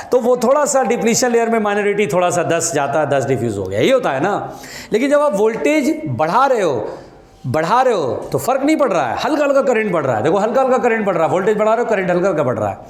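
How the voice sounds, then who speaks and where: A man's voice: sits high, reverberant. A man teaching physics in a classroom, repeating his points, calling students "beta" and scolding anyone who chats. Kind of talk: classroom lecture.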